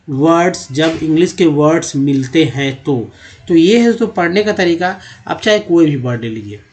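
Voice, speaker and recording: A man, teaching a spoken English lesson for his channel. He explains step by step, repeats himself and checks in with the viewer. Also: on the high side.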